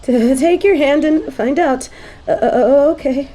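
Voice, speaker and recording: In a romantic audio roleplay, a woman with a high, unhurried, mellow voice plays a snobby young angel who is secretly sweet. Full of shy wonder, the angel stammers, gets flustered, and turns haughty when embarrassed.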